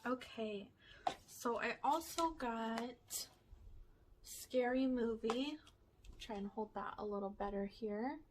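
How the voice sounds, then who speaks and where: Against a noisy background, a woman with a fairly high voice talks slowly while sitting at home. This haul vlogger chats casually and rambles with fillers, sounding slightly winded as she reads aloud the descriptions printed on DVD cases.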